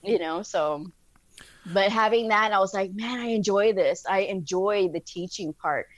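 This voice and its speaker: A woman guest in a casual interview, telling lively stories, acting out quotes and laughing often. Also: medium pitch, unhurried, dry recording. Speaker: podcast guest.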